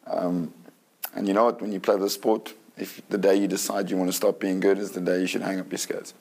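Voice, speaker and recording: A South African man in his thirties answers interview questions in an earnest, steady way. His voice sits low and gravelly with little rise and fall. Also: brisk. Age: 30s. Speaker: ice hockey player. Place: indoor room with curtains.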